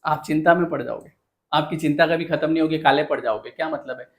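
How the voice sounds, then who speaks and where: A man with a fairly high speaking voice gives an earnest motivational talk. He keeps asking rhetorical questions and speaks straight to his listeners. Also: fast, vocal fry.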